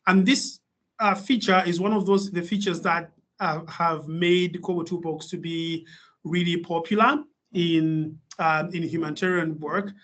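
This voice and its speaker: A man's voice: on the high side, a bit bright. Hesitant man from Malawi on a webinar. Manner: hesitant, many fillers and restarts. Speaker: guest speaker. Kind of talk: webinar presentation. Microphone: video call.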